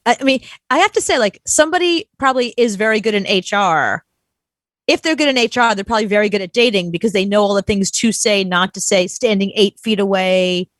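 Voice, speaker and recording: A woman's voice: mid-range voice, fairly quick, a bit bright, no room sound. A woman co-hosting a talk show, reacting bluntly and with frequent laughter. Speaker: radio co-host. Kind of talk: casual chat.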